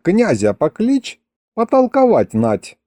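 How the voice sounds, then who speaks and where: A folksy old village grandfather who rambles and teases in quaint rustic speech, played by a man reading an audiobook. The voice sits high and leaps about a lot. Each line is drawn out slow over a mellow tone. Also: wildly swooping pitch, dry recording, clean studio sound, heavily acted. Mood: sly.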